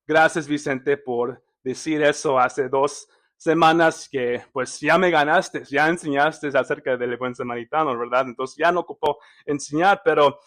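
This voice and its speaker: A man preaching a sermon in a conversational way, asking the congregation questions and pausing on fillers. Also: on the high side, a bit bright. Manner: hesitant, many fillers and restarts.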